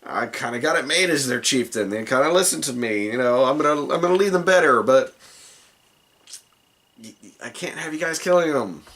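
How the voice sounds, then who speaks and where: A man's voice: medium pitch, animated, a little fast, a bit bright, pitched above the performer's own voice. A man voicing an ugly, scheming male goblin chieftain who gives rousing, blustering speeches. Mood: pleading.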